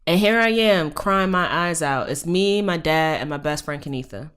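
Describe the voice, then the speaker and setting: A woman's voice: low voice, expressive, normal speed, fairly bright tone, smooth. A woman in her thirties, a professor guest on a podcast, telling a personal story frankly and emphatically, with profanity and pointed rhetorical questions.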